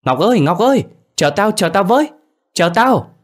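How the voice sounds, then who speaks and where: A man's voice: lowish voice, big pitch swings, a little fast, fairly bright tone. A man voicing a greedy, cowardly village boy, with a whiny, yelping manner. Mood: panicked. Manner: whiny, yelping when scared.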